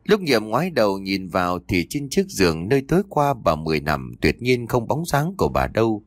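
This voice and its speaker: Male audio story narrator, lively dramatic pitch, dry close sound. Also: a little fast, no room sound. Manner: dramatic, expressive reading.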